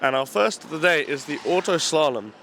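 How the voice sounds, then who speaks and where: Filming on a handheld camera, a young UK vlogger chats enthusiastically and with plenty of slang as he walks through a city and a racetrack, street noise in the background. His slightly high voice is creaky and brisk, with lively intonation.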